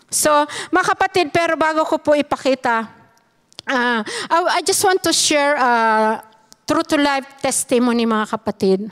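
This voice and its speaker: A woman's voice: sits high, unhurried, fairly bright tone. A Filipino woman giving an earnest personal testimony to a church congregation, emphatic and often addressing her listeners as brothers and sisters.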